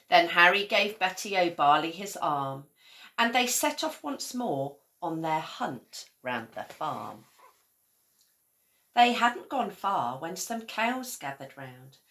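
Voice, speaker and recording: A woman with a fairly low pitch reads a children's story aloud. Her delivery is measured and expressive, like a primary school teacher telling a tale.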